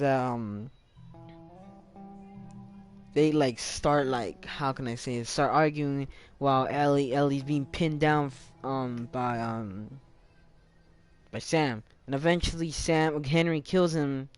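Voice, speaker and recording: A man's voice: medium pitch, slow pace, faint music behind. A young man casually retelling a video game's story, rambling, with many self-corrections and restarts. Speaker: gaming channel host. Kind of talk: casual game story recap.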